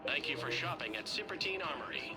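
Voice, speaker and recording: A man voicing a store loudspeaker announcer with a formal, scripted delivery, heard as a shop announcement. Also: mid-range voice, lively intonation, a little fast, over music.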